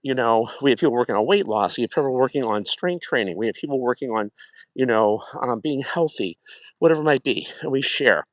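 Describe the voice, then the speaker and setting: A middle-aged man runs a casual wellness livestream while walking a track outdoors at night, chatty and reflective as he warmly greets viewers by name. He speaks briskly at medium pitch with lively intonation, and there's no echo.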